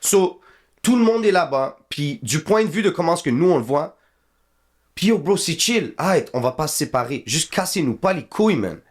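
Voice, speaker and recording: A man's voice: fairly high pitch, sing-song, normal speed. A man from northern Iraq, chatting casually as a podcast guest and mixing in English slang. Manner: laid-back, mixes French and English slang.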